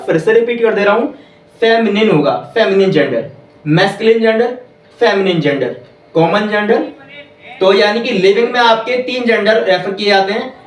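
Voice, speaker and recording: A man teaching English grammar in a classroom, repeating each point slowly and quizzing the listeners. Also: sits high, slight background noise. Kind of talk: classroom lesson. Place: classroom with whiteboard. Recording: echoey room, voice from far off.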